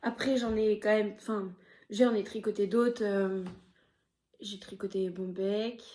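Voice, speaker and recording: Speaking at a medium pitch and a little slowly, a woman walks through her knitting projects on her podcast. Her intonation stays fairly even while she chats in a hesitant way, leaning on fillers and dropping in the odd soft aside.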